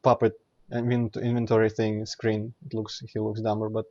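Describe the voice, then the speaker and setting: A man's voice: fairly low pitch, monotone, normal speed, warm tone, lo-fi sound. A man giving casual let's play commentary, explaining things in a rambling way and often correcting himself mid-sentence. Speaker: streamer playing and commenting.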